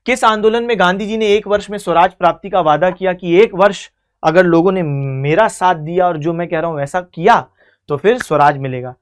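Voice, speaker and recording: A history teacher leads an online exam-coaching lecture, working through quiz questions one after another. The teacher explains each answer like a story, calls the students "beta" and mixes English terms into the talk. The voice sits at a middle pitch. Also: brisk, smooth.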